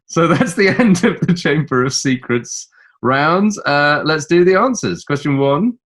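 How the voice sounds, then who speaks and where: A man's voice: on the high side, expressive, measured pace, fairly bright tone. A middle-aged man co-hosting a quiz, reading answer options with teasing relish. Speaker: quiz co-host.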